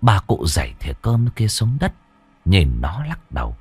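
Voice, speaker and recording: Low-voiced, lively male storyteller. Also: normal speed, husky, faint music behind. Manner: expressive, animated storytelling. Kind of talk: scripted story narration.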